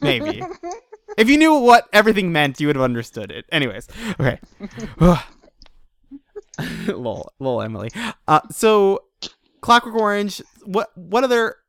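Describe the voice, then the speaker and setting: A podcast host leading a casual book discussion in a rambling, excitable way. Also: medium pitch, a little slow, no room sound.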